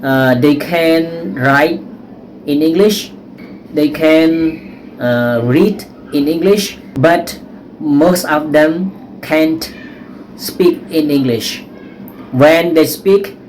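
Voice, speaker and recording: An English teacher with a Cambodian accent and Khmer as first language, giving learners informal advice to camera in a halting, repetitive way with frequent check-in tags. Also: medium pitch, rough recording. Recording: noticeable background noise.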